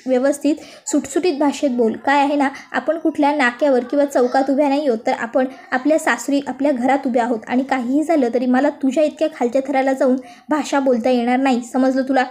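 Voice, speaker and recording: A woman's voice: sits high, steady tone, fairly quick, darkish tone, close to an everyday voice. A woman voicing a composed young daughter-in-law who speaks firmly, in a lecturing way. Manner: firm, lecturing.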